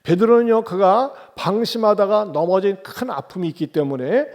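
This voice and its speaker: A man's voice: high voice, moderate pace, a little mellow. A middle-aged male pastor preaching a sermon in a church, emphatic, with rhetorical questions and call-and-response. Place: church sanctuary.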